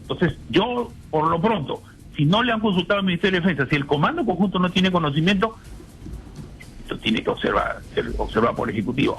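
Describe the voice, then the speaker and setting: A man's voice: fairly high pitch, creaky, fairly bright tone, rough recording. An older man, a retired general, speaking indignantly as a radio guest and firing off rhetorical questions. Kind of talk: phone-in radio interview.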